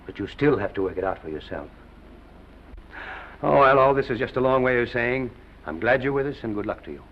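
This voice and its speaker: A man's voice: medium pitch, animated, a little hiss or hum, close to an everyday voice. A man playing a wry, fatherly studio boss. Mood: advising. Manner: wry, paternal, measured. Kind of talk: 1930s film acting. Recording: dull 1930s film soundtrack.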